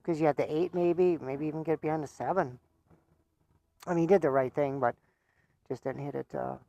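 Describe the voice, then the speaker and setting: A man's voice: on the high side, vocal fry, dark tone. A man giving casual live commentary on a pool match. He chats, laughs often, and stumbles over repeated words.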